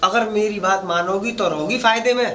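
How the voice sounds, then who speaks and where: A man's voice: high-pitched, normal speed, a bit bright, soft background music. A man acting in a rural comedy sketch as a boastful, flirtatious village bachelor who teases and drawls his words.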